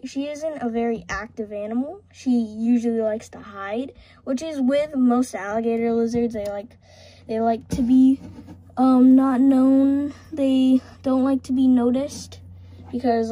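A young woman who keeps reptiles vlogs casually about her pets, rambling with plenty of fillers and restarts, filmed on a phone or camera near the tank. Her slightly high voice has a dark tone, with no room sound.

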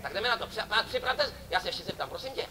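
A man performing as a street clown for children at an outdoor summer festival, joking and teasing volunteers from the audience. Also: high-pitched. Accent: Czech. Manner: playful, teasing banter with kids and audience. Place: outdoor festival stage before a crowd. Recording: lively crowd behind.

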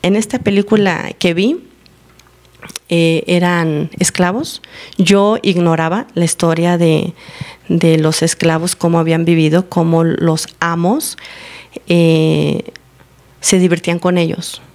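A woman giving a teaching and testimony to her congregation, telling her story with lively acted-out dialogue. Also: lowish voice, takes it slowly. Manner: animated storytelling, acting out dialogue. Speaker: church member giving a teaching. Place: church service, recorded live.

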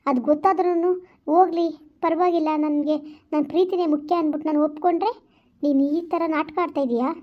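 A woman's voice: fairly even intonation, dull audio, close to an everyday voice. A woman playing Kavya, a jealous scorned lover. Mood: reproachful. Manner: reproachful, quick and high-pitched. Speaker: amateur skit actor. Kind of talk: village vlog skit acting.

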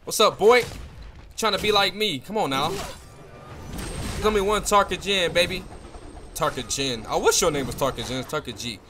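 A young man giving casual, slangy commentary over his own gameplay, excitable, with hype reactions and playful trash talk. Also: high voice, moderate pace, pauses often, faint music behind. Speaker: gaming video creator.

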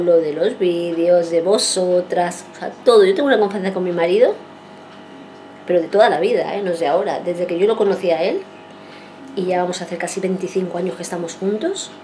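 A woman's voice: fairly low pitch, mellow, slight background noise. A woman in her forties, a vlogger telling a long story to her viewers in a rambling way, repeating herself and acting out what people said. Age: 40s. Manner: rambling, repeats herself and acts out quoted speech.

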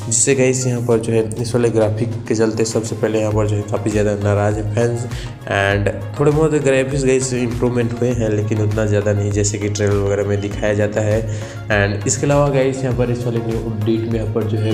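A man's voice: lowish voice, warm tone. A young man hosting a gaming channel, talking through a game update in a voice-over full of fillers and repeated "guys". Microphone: voice-over over screen recording. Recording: echoey room with faint background music.

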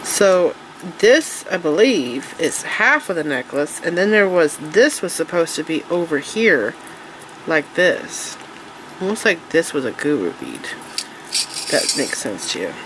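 In a low, sing-song voice that's a little slow and slightly bright, a woman congested and nasal from allergies eagerly chats while showing off her craft supplies. It's casual show-and-tell, full of fillers and restarts, filmed indoors at a tabletop with an overhead camera on her hands. The audio is poor, with a faint hiss or hum.

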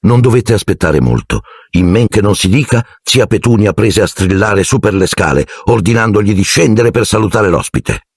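A man reading an audiobook in a theatrical, expressive scripted narration. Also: fairly low pitch, normal speed, hardly any pauses, slightly rough, no echo, studio quality.

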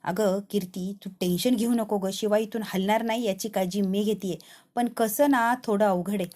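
A woman's voice: mid-range voice, fairly even intonation, moderate pace, darkish tone, close to an everyday voice. Woman voicing a chatty, reassuring woman.

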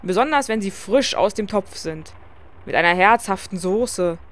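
A woman voicing a jovial male innkeeper from a rural inn, speaking in a hearty, booming way. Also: expressive, moderate pace, natural voice. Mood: proud. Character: jovial man, Bohemian innkeeper, warm and hearty.

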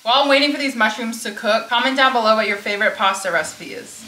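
A woman's voice: a little high, fast talker, pushed and bright. A young woman casually narrating a cook-along in her home kitchen, chatty and thinking aloud as she goes. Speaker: cooking vlogger. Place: home kitchen with sizzling pan. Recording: echoey kitchen, faint noise.

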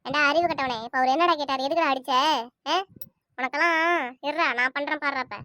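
A woman's voice: high-pitched, steady tone, quick pace, pushed and bright. A woman voicing a tall, tough young woman who scolds sharply and threatens in a cartoon. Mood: angry. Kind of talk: cartoon voice acting.

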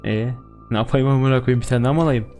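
Young man, crude swearing gamer commentary, mid pitch. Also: fairly even intonation, fast, a little mellow, faint music behind. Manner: crude, joking, swears constantly. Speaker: gaming YouTuber. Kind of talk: let's-play commentary.

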